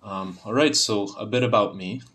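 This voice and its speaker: A young man with a fairly low voice speaks at a normal speed. Born in Bosnia and raised in Ontario, Canada, speaking Serbian, he is a university student recorded for a dialect archive, with a Canadian accent carrying a faint Serbian trace. He first reads a set passage in an even, careful way, then introduces himself casually, sounding hesitant and using lots of fillers.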